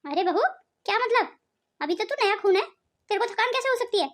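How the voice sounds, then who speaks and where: Meddling aunt voiced by a woman: mocking, gossipy, quick. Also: very high voice, animated. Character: meddling middle-aged aunt, spiteful.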